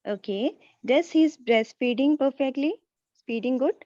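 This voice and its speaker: A woman's voice: sits high, warm tone, no echo. Woman practising as a nurse, reassuring and polite, kinda hesitant, dry muffled-ish audio. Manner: hesitant, halting delivery. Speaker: nursing student practising a role play. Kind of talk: role-play as a nurse counselling a parent. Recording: slightly dull, lo-fi audio.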